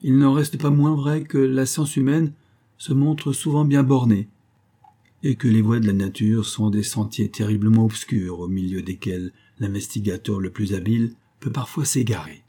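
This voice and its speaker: Male narrator, audiobook, measured storytelling, mellow, husky. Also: on the low side, steady tone. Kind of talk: scripted narration.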